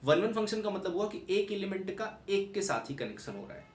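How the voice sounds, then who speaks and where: A young male maths teacher with a high, sing-song voice lectures briskly, going over key points again and testing understanding through rhetorical questions. It's a classroom-style recording with echo, background noise and a mic placed at a distance.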